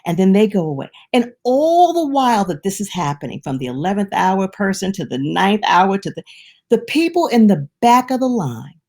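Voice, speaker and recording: A woman teaching a devotional lesson in a gravelly, warm-toned voice. She retells a parable in a lively way, stopping to restart phrases and add personal asides. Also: lowish voice. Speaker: inspirational speaker.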